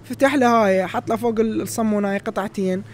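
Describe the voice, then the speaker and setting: A young Iraqi man in his twenties talks quickly through a casual vlog walk-through, his voice sitting high. His tour-guide chatter is lively and conversational. He speaks inside a large supermarket into a handheld phone. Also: slight background noise. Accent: Iraqi Arabic. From Iraq. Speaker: vlogger.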